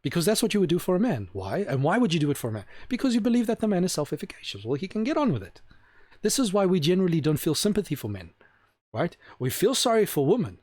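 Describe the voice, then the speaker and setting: A video host delivers an opinionated talking-head monologue to camera in a high, slightly mellow voice, very animated and quick. He rambles, restarts himself, and throws out rhetorical questions.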